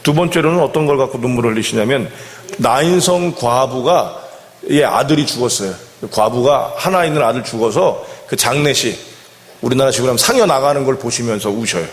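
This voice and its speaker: A man's voice: mid-range voice, lively intonation, brisk. Man preaching in a reverberant church. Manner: conversational, keeps asking the congregation questions. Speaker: senior pastor. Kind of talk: sermon. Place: church sanctuary. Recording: long church hall reverb.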